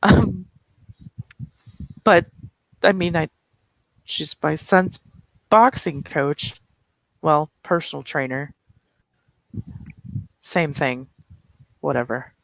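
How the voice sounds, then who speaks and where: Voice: medium pitch, extremely slow, gravelly, long pauses, no room sound, rough recording. A player doing a flustered, wry mother. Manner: rambling, self-correcting, wry.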